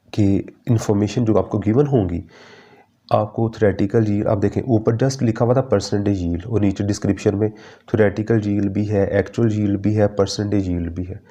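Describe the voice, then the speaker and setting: A man teaching a chemistry exam-prep lesson, addressing students in a fatherly way and slowing down to read English syllabus lines. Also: lowish voice, warm tone. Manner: fatherly, calls students "beta", mixes English terms.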